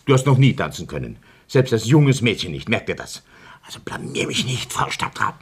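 An actor playing a pompous, domineering middle-aged socialist politician in a radio play, husky and speechifying. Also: male voice, fairly low pitch, sing-song, normal speed, full character voice. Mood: gruff, scornful. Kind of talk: theatrical radio play acting.

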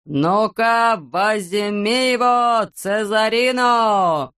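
In an audiobook, a woman with a low, clear, resonant voice plays a bald, bossy, greedy male landowner. He is furious, screeching, dragging out his words in long yells, and hurling insults.

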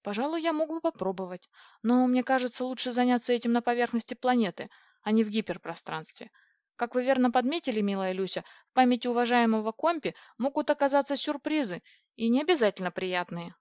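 A woman reading the part of a giant male alien who speaks softly and formally, in a dull, dry audiobook recording. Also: a little high, animated, a little fast, no echo, voice pushed up, close to an everyday voice. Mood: gentle, courteous. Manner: soft, polite, formal.

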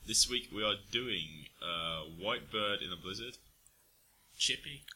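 Low-voiced man with bright tone. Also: unhurried, slightly rough. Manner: rambling, hesitant, many fillers. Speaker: podcast co-host. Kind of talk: casual chat.

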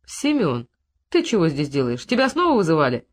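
A reader voicing a brisk male investigator in an audiobook, questioning with dry, mildly mocking persistence. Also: mid-range voice, huge pitch swings. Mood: probing.

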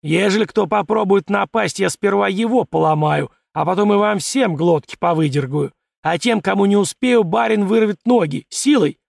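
A man voicing a stern, calm servant who issues curt threats in rustic speech, in an audiobook. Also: high-pitched, moderate pace, vocal fry, few pauses, no room sound, studio quality, voice pushed up, full character voice. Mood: menacing. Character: stern, calm male servant turned menacing. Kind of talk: audiobook character reading.

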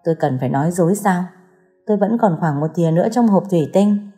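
A woman's voice: lowish voice, animated, quick pace, mellow, soft background music, close to an everyday voice. A woman voicing a scheming young woman who mocks and taunts her husband. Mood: cold. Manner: mocking, cutting.

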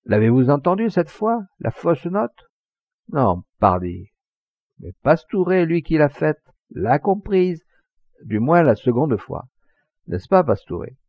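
A man's voice: fairly high pitch, very animated, slow, dry recording, pitched above the performer's own voice, exaggerated voice. A man voicing a boastful Provençal hunter who tells tall tales in a commanding, showy way. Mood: scolding. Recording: dull lo-fi recording.

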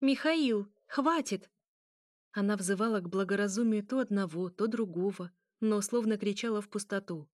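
A woman narrating a story in a measured, even reading voice. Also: medium pitch, dry recording, studio quality. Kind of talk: audiobook narration.

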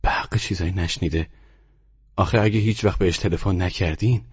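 A man's voice: low-pitched, a little mellow, slightly rough, highs cut off. Man putting on a curious teenage girl. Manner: persistent, questioning. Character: inquisitive polite teenage girl.

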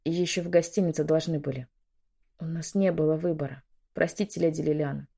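A woman's voice: low voice, fairly even intonation, brisk, creaky, dark tone, slightly rough, full character voice. A woman voicing a frightened young maid who pleads and apologizes. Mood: guilty, pleading.

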